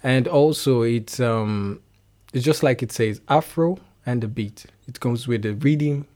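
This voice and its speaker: Speaking in a mid-range, darkish voice, the young Nigerian-accented guest musician keeps things relaxed in this interview chat. He breaks into laughs a lot and often stumbles back to restart his sentences.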